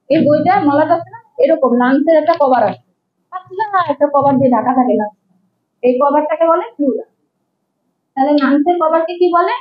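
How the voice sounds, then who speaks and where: Casual: young bangladeshi-accented lady teacher, keeps quizzing the class and repeating terms, kinda high pitched. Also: dull audio. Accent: Bangladeshi Bengali. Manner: explains patiently, asks questions and repeats key terms. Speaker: medical instructor. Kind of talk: classroom lecture.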